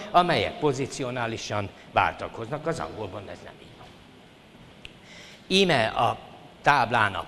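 Lively older man lecturing in a reverberant hall. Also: medium pitch. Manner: polite formal address to students, lively emphasis. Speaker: university lecturer. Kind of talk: formal classroom lecture. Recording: reverberant hall, faint hiss.

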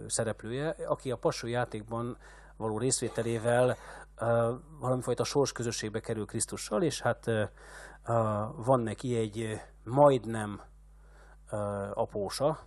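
A man's voice: mid-range voice, darkish tone, no echo. Hesitant male literature lecturer. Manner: hesitant, many filler sounds.

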